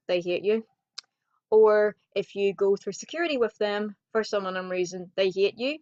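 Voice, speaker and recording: A young woman, ranting bluntly and swearing a lot in a casual vlog. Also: medium pitch. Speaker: vlogger. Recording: dull lo-fi home video audio.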